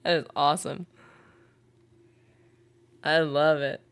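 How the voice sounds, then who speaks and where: Woman gaming streamer, slightly low pitch, loose chatty rambling, reads chat aloud. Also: steady tone, slow pace, smooth. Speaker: gaming livestreamer. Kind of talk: casual livestream chat while gaming.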